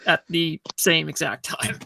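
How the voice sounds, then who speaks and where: A man on a casual video-call panel, quickly explaining and introducing people. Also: on the high side, gravelly, bright, forceful tone, slightly rough. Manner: rapid, explaining.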